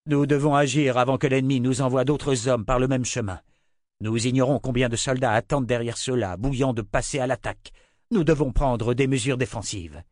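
A man voicing a male army general who speaks briskly and formally. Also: mid-range voice, steady tone, a little mellow, no echo, studio quality, voice pushed up, close to an everyday voice. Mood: urgent.

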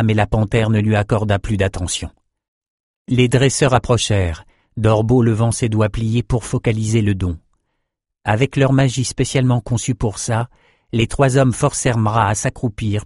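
A man narrating a fantasy audiobook in a steady, measured way. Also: mid-range voice, no room sound, clean studio sound.

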